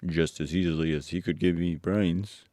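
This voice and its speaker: A man's voice: low-pitched, fairly even intonation, moderate pace, dark tone, dry recording, studio quality, natural voice. A man voicing a simple, matter-of-fact scarecrow in a storybook reading. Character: blunt, simple straw-stuffed male scarecrow.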